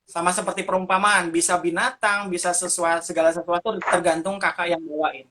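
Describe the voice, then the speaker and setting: A man's voice: high voice, steady tone, a little fast, bright, forceful tone, a little hiss or hum. A man answering interview questions as a teacher of puppet ministry, talking animatedly and showing how to do voices as he explains.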